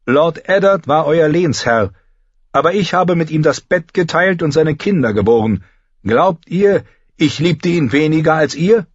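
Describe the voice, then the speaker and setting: A man voicing a proud, grieving noblewoman who speaks gravely to a council. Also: a little high, animated, slow, hardly any pauses, no room sound, highs cut off, pitched above the performer's own voice, exaggerated voice.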